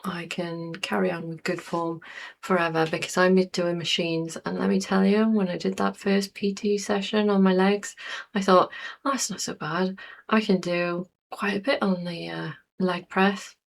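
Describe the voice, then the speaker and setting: A woman's voice: fairly low pitch, little pitch movement, normal speed, creaky. A woman in her forties chatting casually to camera in a rambling vlog, with lots of fillers. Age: 40s. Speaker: YouTuber.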